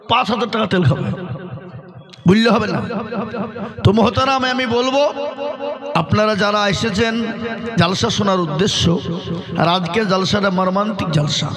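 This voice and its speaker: Male preacher, high voice, chanting rhetorical sermon, crowd audible. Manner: chanting lists in rising calls. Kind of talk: Islamic sermon. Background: crowd of listeners.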